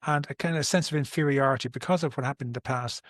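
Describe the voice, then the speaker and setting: Speaking quickly in a mid-range voice, a therapist from Ireland in his sixties talks through how he works. He is earnest, often stops and restarts his words, and draws on everyday examples. The sound is clean studio quality with no echo.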